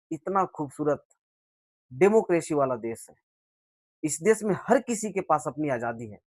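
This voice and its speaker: Slow, impassioned male political commentator. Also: fairly high pitch, no echo. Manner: rhetorical, swells and drops in loudness for emphasis.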